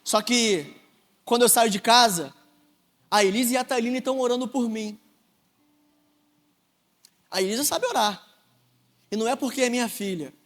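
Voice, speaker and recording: High-voiced Brazilian deacon in reverberant church. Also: male voice, normal speed, long pauses, fairly bright tone. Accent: Brazilian Portuguese, Rio de Janeiro. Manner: earnest, personal storytelling with rising emphasis. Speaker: deacon preaching. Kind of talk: sermon. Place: large church hall.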